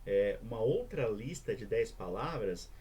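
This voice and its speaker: A man's voice: fairly low pitch, sing-song, unhurried, dark tone, husky. A male teacher with a Brazilian Portuguese accent giving a recorded remote lesson, explaining step by step and often checking in with the students.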